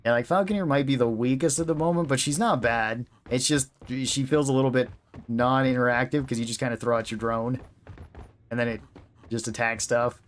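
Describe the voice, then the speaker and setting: A man's voice: medium pitch, fairly even intonation, a little fast. A man giving casual, chatty commentary while streaming a video game, laughing often. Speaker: gaming streamer.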